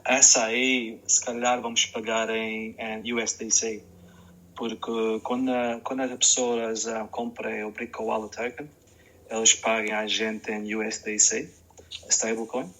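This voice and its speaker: A man hosting a casual online chat, halting and repeating words as he searches for them. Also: lowish voice, little pitch movement, a bit bright, rough recording. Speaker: show host.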